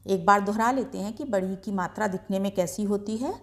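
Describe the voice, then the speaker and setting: A woman's voice: mid-range voice, a little fast. A woman teaching beginners to read, patiently sounding out each syllable and stressing the long vowels. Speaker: Hindi reading teacher. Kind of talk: slow beginner reading lesson.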